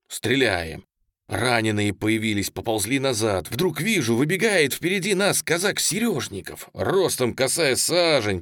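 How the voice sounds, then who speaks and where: A man reads a first-person war novel aloud, telling it with animated expression. His pitch moves in a lively way at a middle height. The sound is close and dry. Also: no echo. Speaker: audiobook narrator.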